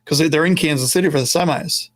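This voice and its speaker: A man guest on a sports podcast who talks in an animated way and acts out what others said. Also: a little high, quick pace. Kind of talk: casual sports chat.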